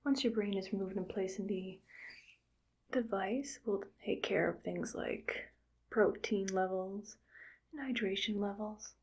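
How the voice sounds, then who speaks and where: In a soft, close ASMR whisper, a woman plays a cheerfully callous evil scientist who muses aloud as she works. Her medium-pitched voice is steady, unhurried and slightly rough, and the mood stays calm and musing.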